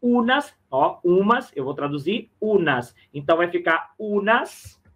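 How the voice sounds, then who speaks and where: Brief: male language teacher, raised pitch, friendly repetitive explainer style. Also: lively intonation, a little slow, a bit bright. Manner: chatty, repeats and checks with "né?", calls listener "camarada". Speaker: Spanish teacher. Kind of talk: recorded online lesson.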